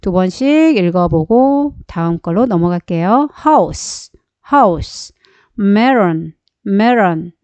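A woman's voice: mid-range voice, lively intonation, very slow, a little mellow, smooth, no echo, highs cut off. A woman teaching a beginner phonics lesson step by step, patiently asking questions and then answering them herself.

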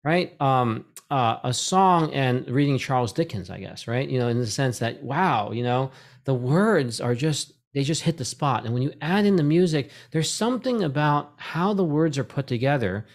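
A middle-aged man hosts a casual video call from a home room lined with bookshelves, speaking into a desk microphone on a boom arm. His medium-pitched, creaky voice has lively intonation at a normal speed, and he rambles, circling back with restarts and little "right?" tags as he builds his point.

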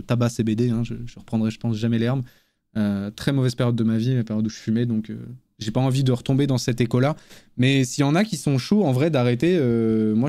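A man's voice: mid-range voice, mellow, clear, resonant tone, no echo, studio quality. A man hosting a live stream, chatting candidly and at length with his viewers. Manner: candid, rambling, self-deprecating. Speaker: game streamer hosting an amateur tournament. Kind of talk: casual live-stream chat.

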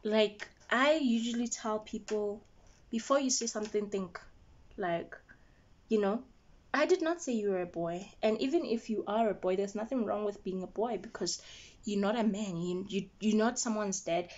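A young adult woman vlogging at home while doing her makeup, retelling a story with quoted dialogue in an animated, indignant way. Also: medium pitch, moderate pace, dull audio. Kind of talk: get-ready-with-me storytelling.

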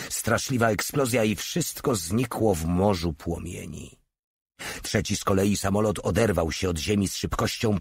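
A man reading a war novel aloud as an audiobook narrator, steady and dramatic, lifting his voice for the characters' lines. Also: sits low, slightly rough, no echo, studio quality.

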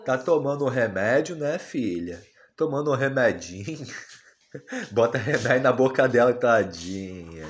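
A man filming a casual family vlog, talking gently and dotingly to his baby daughter. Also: mid-range voice, dull audio, a little hiss or hum.

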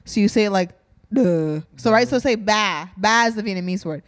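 A woman's voice: mid-range voice, very fast. A woman guest on a casual podcast, giggly and self-deprecating. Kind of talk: casual chat.

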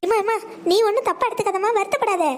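A woman's voice: extremely high pitch, racing, a little hiss or hum. A woman voicing an earnest grown son in a cartoon skit who questions his mother and then apologizes. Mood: apologetic. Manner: pleading, apologetic.

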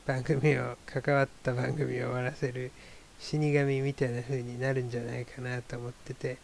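A man talking alone to his listeners in a loose, rambling monologue, wry and a little self-deprecating. His voice sits at an ordinary pitch with a gravelly, fry-laden texture. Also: level tone, moderate pace, a little hiss or hum. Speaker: solo talk show host. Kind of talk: casual monologue.

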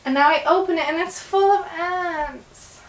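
A young woman in her twenties chatting casually to camera in a travel vlog, animated and exclaiming as she talks. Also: very high-pitched, measured pace, rough recording. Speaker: vlogger. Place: small container home and outdoor deck. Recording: music playing over the talk.

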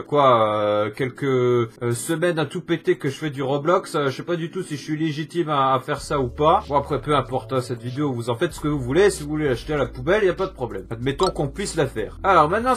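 A man's voice: mid-range voice, a bit bright. A young man hosting a casual game tutorial voice-over, chatty and self-mocking, full of fillers and little jokes. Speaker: gaming tutorial host.

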